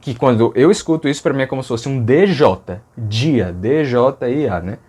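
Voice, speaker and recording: A man's voice: mid-range voice, expressive, moderate pace, darkish tone, slightly rough. Brazilian man explaining speech sounds. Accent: Brazilian Portuguese. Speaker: linguistics educator. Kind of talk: casual educational explanation.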